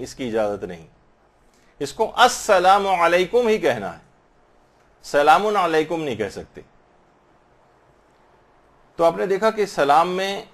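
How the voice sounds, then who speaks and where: A man giving a religious lesson on prayer, patiently explaining and slowly drawing out Arabic phrases to show correct pronunciation. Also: a little high. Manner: slow drawn-out demonstrations of Arabic pronunciation. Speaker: religious teacher.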